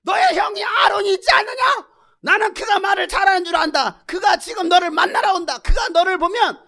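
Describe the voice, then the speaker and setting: A man voicing God as an exasperated deity who shouts rebukes at a reluctant servant. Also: very high voice, a little fast, gravelly, voice pushed up, full character voice.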